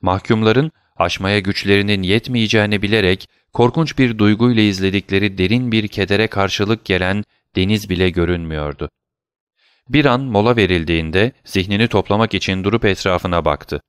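A man narrating a classic novel as a steady, measured audiobook reader. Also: fairly low pitch, clean tone, no room sound, studio quality.

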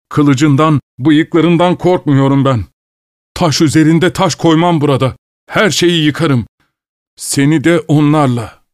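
A man voicing a desperate, furious old father who shouts and wails breathlessly in an audiobook. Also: mid-range voice, slightly rough, dry recording, clean studio sound, lightly acted. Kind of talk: audiobook character voice.

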